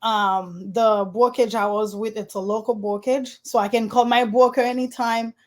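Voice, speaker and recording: Earnest, higher-voiced woman from Haiti. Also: little pitch movement, normal speed, darkish tone. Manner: earnest storytelling, slightly non-native phrasing. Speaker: interview guest, realtor. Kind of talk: conversational interview.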